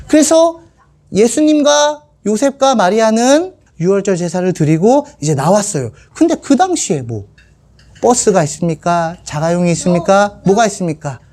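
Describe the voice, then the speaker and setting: A woman giving a children's sermon, telling the story with animated energy. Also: lowish voice. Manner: animated storytelling, acting out characters. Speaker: children's pastor.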